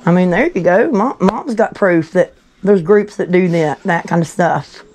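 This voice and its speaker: A woman's voice: lowish voice, lively intonation, measured pace, darkish tone, low-quality recording. A woman in a heated confrontation, bluntly scolding and interrogating a man. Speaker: vigilante group confronter.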